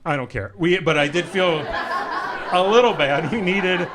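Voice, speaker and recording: Male stand-up, playful crowd work, slightly high voice, clear audience noise in a small club. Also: unhurried. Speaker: stand-up comedian. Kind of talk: stand-up comedy set. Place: comedy club stage.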